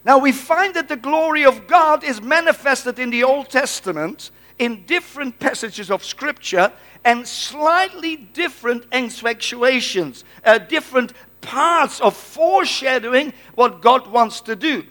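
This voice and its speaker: A Dutch man from the Netherlands preaches a Pentecostal-style sermon with call-outs to the congregation, his very high voice bright, pushed and expressive. He speaks a little slowly and exclaims his lines, often hesitating and repeating words.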